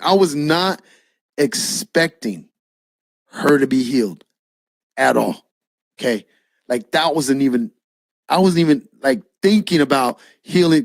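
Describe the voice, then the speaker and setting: A man preaching his own testimony as a lively storyteller, acting out the dialogue and dropping a casual "man" now and then. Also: a little high, dry recording, studio quality. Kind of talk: spoken personal testimony.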